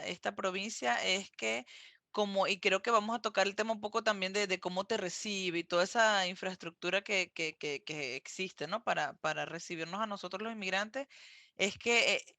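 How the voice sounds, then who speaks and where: Bright-voiced man, hesitant podcast talk. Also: high-pitched, vocal fry, no echo, clean studio sound. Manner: hesitant, many fillers and repeated words. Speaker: podcast co-host, immigrant in Montreal. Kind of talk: casual podcast chat.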